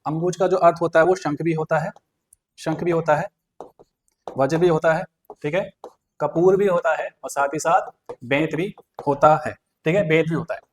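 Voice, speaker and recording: A man's voice: a little high, fairly even intonation, moderate pace, slight background noise. A man teaching an exam prep lesson, explaining each answer step by step and often checking back with the listener. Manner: explains step by step with repeated fillers.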